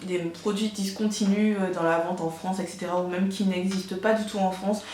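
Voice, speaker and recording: A woman's voice: medium pitch, steady tone, a little fast, darkish tone, slight background noise. A woman presenting a casual beauty haul, chatty and enthusiastic, with many fillers, recorded on a camera mic at home. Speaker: beauty vlogger. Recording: echoey room.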